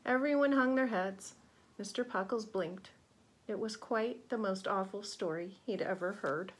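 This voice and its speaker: A woman narrates a children's picture book aloud in an expressive, lively storytelling way. She stops now and then to ask her young listeners questions. A faint hiss sits under her voice. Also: mid-range voice, unhurried.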